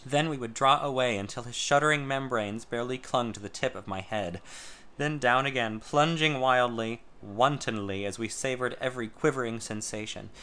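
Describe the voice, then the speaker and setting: A man reads a first-person story aloud. His voice is bright and forceful, and his delivery is measured and intimate. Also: mid-range voice.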